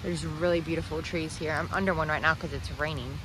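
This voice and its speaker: A woman's voice: low-pitched, steady tone, fairly quick. Chatty woman vlogger, noisy camera audio. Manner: chatty, gushing. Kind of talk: casual vlog narration. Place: outdoors and indoors touring a house.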